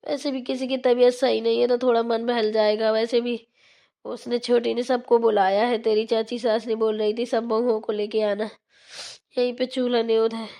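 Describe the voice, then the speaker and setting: A woman's voice: a little high, little pitch movement, moderate pace, vocal fry, warm tone. A woman voicing an older village mother-in-law who coaxes her daughters-in-law in a motherly way in a cartoon. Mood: coaxing. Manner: coaxing, motherly pleading. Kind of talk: cartoon voice acting.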